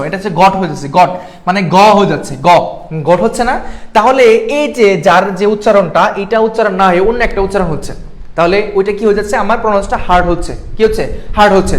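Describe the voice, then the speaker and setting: A young man from Bangladesh tutoring students in a live online class, asking them questions and checking in with them often. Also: sits high. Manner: quick, keeps checking in with the class. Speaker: admission exam tutor.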